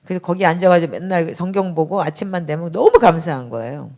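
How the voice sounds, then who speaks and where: A middle-aged woman pastor preaches in a chatty, emphatic style. Her pitch swoops widely as she speaks, and she breaks into sudden loud outbursts. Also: expressive, fast. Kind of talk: sermon.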